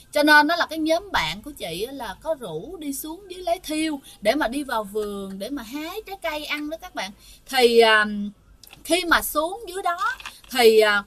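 Southern Vietnamese woman narrating a ghost tale; chatty, speaks straight to listeners, fairly high and bright. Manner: chatty, often addresses listeners directly. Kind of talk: casual spoken storytelling.

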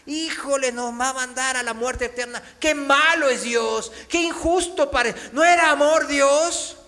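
A man's voice: very high-pitched, measured pace, sharp tone, pitched above the performer's own voice, exaggerated voice. A man mimicking a fearful churchgoer who complains and exclaims, with long hall reverb. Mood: whining. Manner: whining, exclamatory.

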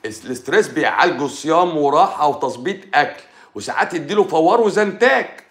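A middle-aged man with an Egyptian Arabic accent, giving a doctor's health talk in an animated, mocking, emphatic colloquial style, mixing in English medical terms. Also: a little high, fast. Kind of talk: animated lecture. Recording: echoey room.

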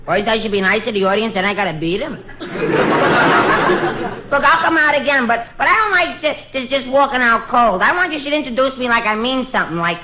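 A man doing shrill, whiny, childlike comedy as co-host of a 1950s radio comedy show. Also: animated, a little fast, sharp tone, a little hiss or hum, rough recording.

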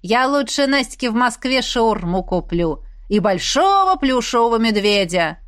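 A woman voicing a clingy, showy young man, the heroine's ex-boyfriend, who calls out loudly and drags his words. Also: a little high, big pitch swings, no echo, clean studio sound. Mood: smug. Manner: loud, drawn-out calling.

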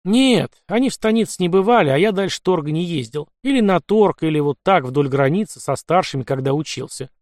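A man's voice: on the high side, animated, a little fast, hardly any pauses, darkish tone, no echo, clean studio sound, pitched above the performer's own voice, natural voice. A man doing a sly young Cossack. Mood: wry, easygoing. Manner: easygoing, wry, matter-of-fact. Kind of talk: audiobook character voice.

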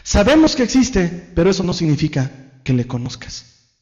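A male pastor delivers a lively sermon in a high voice, slipping into quick voices for the excuses people make. The recording sounds somewhat dull and lo-fi. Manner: animated preaching, acts out imagined excuses in quoted voices.

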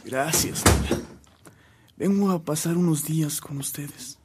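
A man plays a visiting senior cleric in a radio drama. His voice is a little high, and he speaks with polite, formal dignity. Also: measured pace, husky. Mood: courteous, pleased. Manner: courteous, formal.

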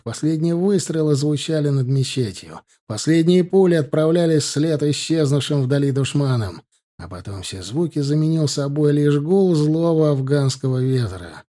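A man narrating an audiobook in a steady, measured storytelling voice. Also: on the high side. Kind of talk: scripted narration.

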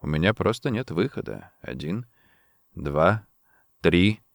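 A man voicing a calm, clever male secret agent who speaks quietly and deliberately. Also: deep voice, gravelly, no echo, clean studio sound, voice pushed down, exaggerated voice. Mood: calm menace.

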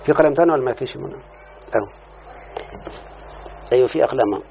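A man with an Egyptian Arabic accent teaches a grammar lesson, stretching out key words and repeating questions so students confirm each step. His mid-range voice is expressive, gravelly, and very fast. The lo-fi, phone-like recording carries a little hiss or hum.

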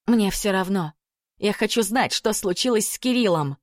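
Performing as a desperate captive, a woman pleads through tears in a slightly high voice at a measured pace. She pitches it above her natural voice, though it stays close to everyday speech, and the dry recording has studio quality.

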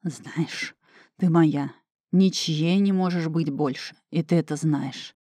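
A possessive husband who coaxes and insists, low and hushed, as a woman reads him in an audiobook. The tone stays mellow and dark, with a dry, close sound. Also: slow, no room sound. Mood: coaxing. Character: smooth-talking possessive husband, adult man.

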